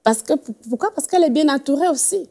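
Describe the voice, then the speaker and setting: A woman's voice: sits high, expressive, fast talker, gravelly, mellow. A woman guest on a faith talk show, telling a story earnestly and laughing often.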